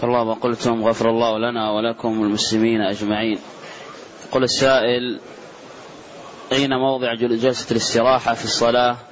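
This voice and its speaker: A man's voice: medium pitch, little pitch movement, quick pace. A man reading out listeners' questions to a scholar in a plain, formulaic way. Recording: dull lo-fi recording with faint noise.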